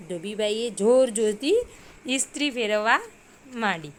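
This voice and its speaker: A woman's voice: mid-range voice, slight background noise. A woman teacher reading a story aloud to young children and explaining hard words simply.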